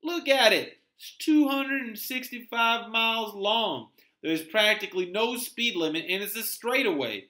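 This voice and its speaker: In a dramatic read-aloud, a man heavily acts the part of a chatty, folksy gas station attendant, pushing his voice high and bright, above his natural pitch, with lively intonation. He sounds incredulous and speaks in drawn-out, colloquial country talk. The recording has a roomy echo and clear background noise.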